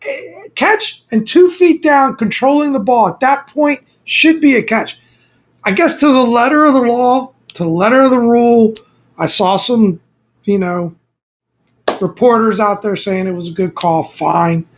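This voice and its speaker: A man's voice: very high-pitched, a little slow. A middle-aged man from Maryland co-hosting a sports podcast in a casual, joking way. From Maryland, USA. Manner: casual, joking, chuckles often. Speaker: co-host. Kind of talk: sports talk podcast chat.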